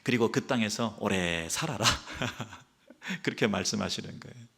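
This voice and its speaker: A male pastor preaching a sermon, who drops to hushed, slow tones when quoting God and rises loud and quick when acting out the people's complaints. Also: lowish voice, creaky, husky.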